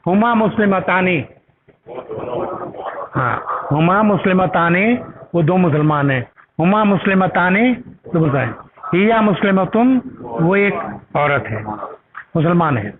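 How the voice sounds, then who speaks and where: High-voiced man teaching Arabic slowly. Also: very animated, crowd noise. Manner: patient, repeats each word with its meaning; asks learners to repeat aloud. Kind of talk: classroom grammar lesson. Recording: tinny phone-like recording with loud noise.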